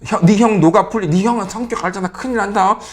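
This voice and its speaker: Shrewd persuasive mother, put on by a man, coaxing, hushed and urgent, a little higher pitched. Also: fast talker, lightly acted.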